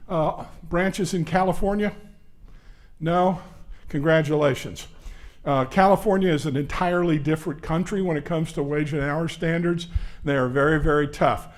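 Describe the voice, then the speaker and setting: Speaking through a handheld or stand mic in a conference session room, a labor law attorney in his sixties gives a legal seminar. His voice is a little high, and he lectures in a loud, brisk, conversational way, saying "uh" often.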